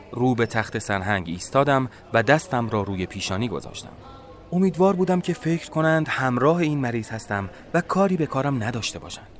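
A man narrating a first-person story in a measured, dramatic storytelling manner. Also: mid-range voice.

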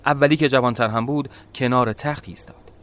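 A man narrating a first-person story in a measured, dramatic storytelling manner. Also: mid-range voice, a bit bright.

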